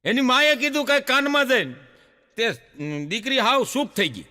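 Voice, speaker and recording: Man, stand-up joke storyteller, high animated voice, bright tone, reverberant stage sound. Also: normal speed. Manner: storytelling, voicing the people in his jokes. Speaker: stand-up comedian. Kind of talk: Gujarati stand-up joke telling. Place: stage before a live laughing audience. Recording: live stage with hall reverb.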